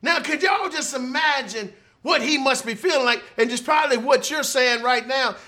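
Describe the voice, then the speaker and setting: Man, preacher, very high voice, bright, animated sermon, talks to the congregation. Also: moderate pace.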